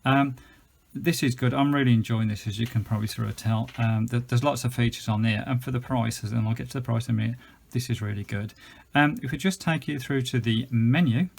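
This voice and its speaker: A British gadget reviewer and video host gives a casual, unscripted product demo, chatty and informal with some hesitancy. His mid-range voice is fairly quick and creaky.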